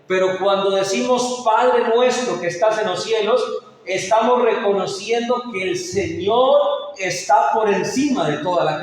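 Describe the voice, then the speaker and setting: A man preaching a sermon as pastor, calling his listeners brother and asking them questions. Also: sits high. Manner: addresses listeners as brother, asks rhetorical questions. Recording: echoey hall, voice from far off.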